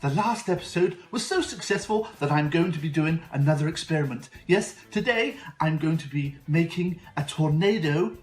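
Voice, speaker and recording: A man's voice: a little high, expressive, normal speed, hardly any pauses, natural voice. A man playing an overexcited, eccentric children's inventor presenter in the manner of an overbright kids party host. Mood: overexcited, gleeful. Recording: echoey room with music.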